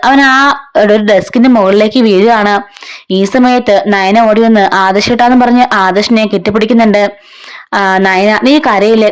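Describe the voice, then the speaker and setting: Chatty woman retelling a serial story. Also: fairly high pitch. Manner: chatty, adds "ട്ടോ" tags, quotes characters in own voice.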